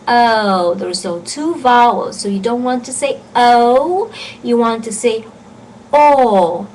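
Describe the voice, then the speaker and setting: A woman teaching an online pronunciation lesson, earnest, often restarting her sentences and slowing down to show vowel sounds. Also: on the high side, slight background noise, low-quality recording. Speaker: French teacher.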